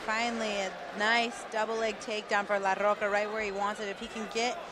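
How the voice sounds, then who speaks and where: A man's voice: high voice, flat delivery, brisk. A man giving conversational color commentary on a live fight. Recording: noisy live arena with loud crowd. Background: crowd and event ambience.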